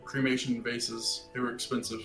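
A man voicing a smooth, manipulative middle-aged father who talks in a formal, coaxing and dismissive way. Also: medium pitch, flat delivery, normal speed, a bit bright, faint music behind, natural voice.

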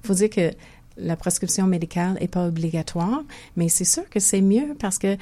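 A woman's voice: fairly low pitch, lively intonation, moderate pace, mellow. An older woman with a Québécois French accent, a physiotherapist speaking as a guest in a conversational interview, thoughtful and often restarting her sentences. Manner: thoughtful, many restarts and hesitations.

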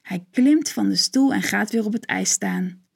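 A woman narrating a children's story in a gentle, clear storytelling manner. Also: mid-range voice, measured pace.

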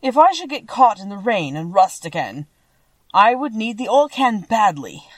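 Female reader as polite tin man, storybook character, mournful, earnest, drawn-out delivery, raised pitch, dry close sound. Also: sing-song, no room sound. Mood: relieved, grateful.

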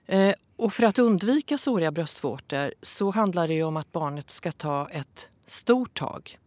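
A woman calmly explaining breastfeeding advice in a casual podcast talk, with some fillers. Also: on the low side, no room sound.

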